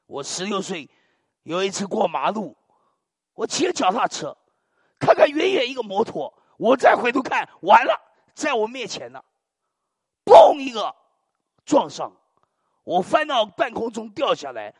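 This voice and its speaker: An older male preacher delivers a sermon in a high, husky voice that swoops wildly up and down. He tells stories dramatically and drops low hallelujahs between his lines. The sound is dry and close. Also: normal speed, no echo. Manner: animated, dramatic storytelling peppered with muttered hallelujahs.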